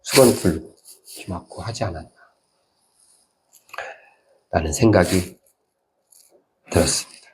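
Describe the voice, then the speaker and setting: A male pastor giving a conversational sermon, telling stories and now and then acting out voices in sudden high bursts. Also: unhurried, pauses often, a little mellow, slight background noise.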